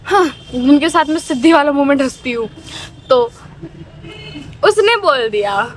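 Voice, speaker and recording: A teenage girl with a high voice chats through a storytime vlog, dramatic and talkative, and keeps checking in with her viewers. A faint hum of vehicles sits behind her. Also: lively intonation, a little slow. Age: teens. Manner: chatty, dramatic, frequent "theek hai" fillers. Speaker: vlogger.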